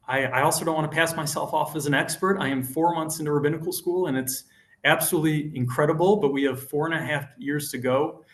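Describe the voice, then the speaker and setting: A man's voice: medium pitch, reverberant. A man who is a rabbinical student gives an earnest, emphatic panel talk with some restarts.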